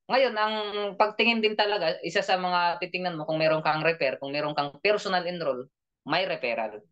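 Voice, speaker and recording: A man's voice: high-pitched, brisk. A man coaching an online training session, joking, laughing often and keeping his listeners engaged with questions. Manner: joking, laughs often, keeps asking the audience. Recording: dull lo-fi audio.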